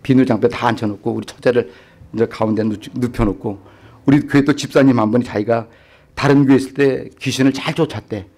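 A man's voice: medium pitch, fast talker. A middle-aged male pastor telling a story in a sermon, acting out the voices in it and putting questions to the congregation. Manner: animated, acts out quoted voices, asks the congregation questions.

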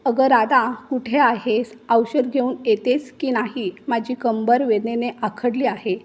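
A woman's voice: a little high, steady tone, unhurried, darkish tone, slightly rough. A woman voicing a stern older mother-in-law who gives orders and scolds in a storybook reading. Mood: impatient. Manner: commanding, scolding.

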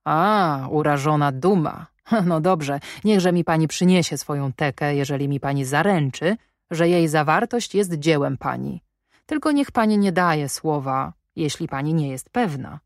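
A brusque, commanding gentleman, as a woman reads him aloud for an audiobook, questioning sharply and with dry irony. The voice sits low and is heard close and dry, with no room sound. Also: lively intonation, a little slow, dry recording. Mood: sardonic. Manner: imperious, probing, sardonic. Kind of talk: audiobook reading.

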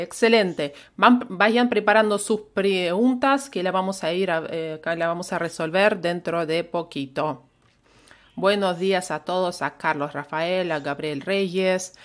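A native Russian woman with a Russian accent leads a live online language lesson. She talks at an unhurried pace, repeating each phrase patiently so learners can copy it. Her voice sits slightly low. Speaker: Russian teacher.

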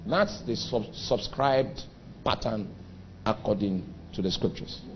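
A Nigerian pastor preaches a sermon emphatically, drawing out key phrases and swinging suddenly in pitch and volume. The sound is lo-fi with slight background noise.

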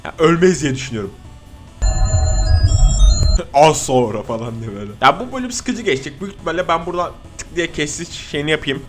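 Man, gaming streamer, jokey and excitable, swears often, lively swinging voice, a bit high. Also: fast talker, hardly any pauses, soft background music. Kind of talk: casual horror gameplay commentary.

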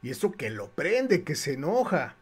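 Lively Mexican man telling a story. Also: fairly high pitch, normal speed, husky. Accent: Mexican Spanish. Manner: lively and animated, with many restarts. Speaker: comic artist and livestream host. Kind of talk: casual storytelling on a livestream.

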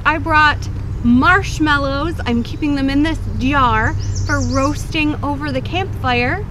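High-voiced librarian leading a kids' storytime. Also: female voice, noisy background. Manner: bright, sing-song, slow and clear for children. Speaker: children's librarian. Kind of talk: children's storytime reading. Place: outdoors at a wooded campsite.

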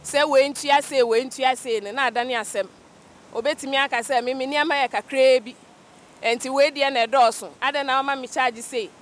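Middle-aged woman, Ghanaian accent, high-pitched, unhurried talk, handheld mic on a beach, faint background noise. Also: steady tone. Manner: speaks unhurriedly, mixes English with Twi. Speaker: clearing agent guest. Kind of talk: casual interview. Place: outdoors on a beach by the sea. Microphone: handheld mic held by interviewer.

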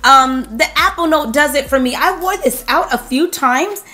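A woman in her thirties chats to camera in a fragrance review vlog, her voice sitting a little high. She gushes through lists of notes in quick rhythmic runs. She is recorded at a desk at home on a camera mic. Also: pushed and bright. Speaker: beauty vlogger. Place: home room with a desk display.

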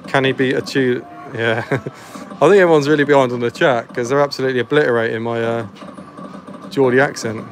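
A man's voice: medium pitch, steady tone, brisk, slight background noise. A young man, the host of a gambling channel, chatting casually and swearing as he plays the slots, often mocking himself. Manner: laid-back, swearing, self-mocking. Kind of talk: casual commentary on slot play. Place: arcade or bookmaker's with slot machines. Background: slot machine music.

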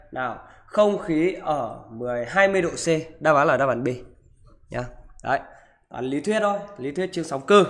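A man teaching physics, talking students through exam questions in a live online class and checking in with them after almost every sentence. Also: on the high side. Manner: keeps asking "được chưa?" and "đúng không?".

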